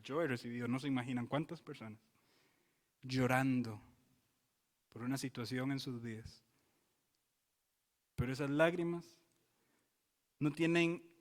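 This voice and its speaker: A male pastor preaching in a church sanctuary. He swings from loud, emphatic exclamations to quiet, solemn warnings and keeps asking the congregation rhetorical questions. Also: mid-range voice, big-room sound. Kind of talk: expository sermon.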